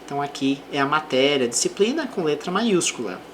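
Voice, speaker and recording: Woman English teacher, Brazilian accent, low voice, lively intonation, faint background hiss. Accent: Brazilian Portuguese. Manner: reads English example sentences slowly, then explains in Portuguese. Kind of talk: slow explanatory language lesson.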